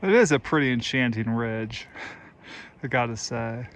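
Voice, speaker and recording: On a backpacking trek through high mountain passes and boulder fields, a man talks casually to his camera in an unhurried, mid-range voice that's lively and a bit bright. He thinks aloud, laughs at his own expense, and now and then runs out of breath.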